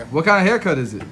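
A man hosting a barbershop vlog, excitable and joking, laughing often with his crew. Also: on the high side. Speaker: barber vlogger hosting a training event. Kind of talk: casual vlog chat. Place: barbershop, indoors. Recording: loud music playing behind.

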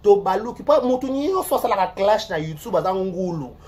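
Animated Congolese-accented gossip host. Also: mid-range voice, a little fast. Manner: rambling, repeats words, swings between loud outbursts and muttering. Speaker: online show host.

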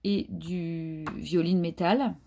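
A woman's voice: lowish voice, steady tone, takes it slowly, gravelly, mellow, slight background noise. A woman chatting casually through a craft haul, hesitant and full of fillers. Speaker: craft vlogger. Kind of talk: casual haul show-and-tell.

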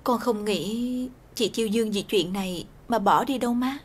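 A young woman playing a daughter in a TV drama, speaking softly and consolingly to her mother. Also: medium pitch, normal speed, breathy edge, natural voice. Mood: gentle. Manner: soft, consoling. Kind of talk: TV drama acting.

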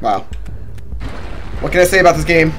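Young male gamer: casual profane commentary, slangy and teasing, with animated pitch swings. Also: normal speed, music in the background. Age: young adult. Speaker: game streamer. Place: small indoor room.

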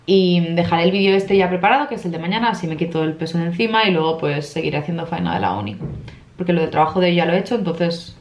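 A young woman chats casually to camera, rambling through a story with many fillers and asides. She sounds worn out from little sleep and talks at a fast clip. The room around her is noticeably echoey. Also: on the low side, expressive. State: tired from lack of sleep. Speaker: vlogger. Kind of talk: casual vlog chat.

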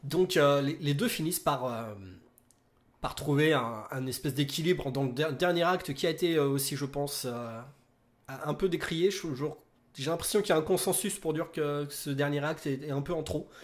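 A man's voice: a little high, moderate pace. A man in his thirties talking casually about films as a critic, hesitant, with many fillers and restarts. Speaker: film critic. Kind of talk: casual film discussion.

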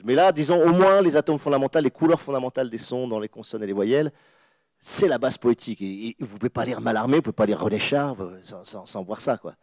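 A man appearing as a guest author on a panel gives an animated, lecture-style explanation. His mid-range voice has a darkish tone with no echo, and he speaks emphatically, restarting, repeating words, and acting out sounds.

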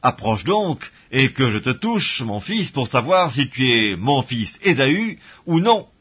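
A man reading the part of an old blind father who blesses his son, in a solemn, measured way. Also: medium pitch, big pitch swings, husky, heavily acted. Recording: dull lo-fi audio.

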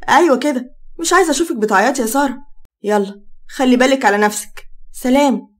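A kind young man who stands by his friend, encouraging in an animated storybook, as a woman voices him with an Egyptian accent. The delivery is quick and sits high.

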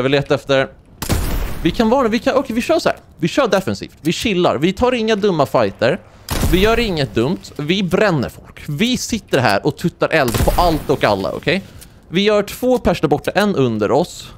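A young man from Sweden commentating his own gameplay live, excitable and quick to yelp when something surprises him. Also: background noise. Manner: excitable, swings into high-pitched yelps when surprised. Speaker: gaming streamer.

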